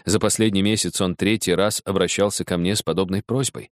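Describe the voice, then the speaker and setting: A man reading a story aloud in the first person, in measured storytelling narration. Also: low voice, steady tone, dry recording. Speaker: audiobook reader.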